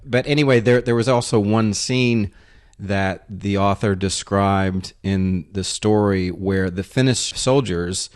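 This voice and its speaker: A man co-hosting a podcast, telling rambling, animated anecdotes in casual chat. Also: on the low side, slow pace, smooth. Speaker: podcast co-host.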